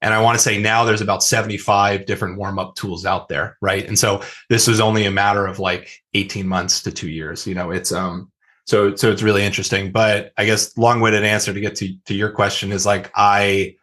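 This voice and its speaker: A man's voice: lowish voice, level tone, fairly quick, pushed and bright. A man talking casually as a podcast guest, rambling with many fillers and restarts. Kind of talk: casual interview talk.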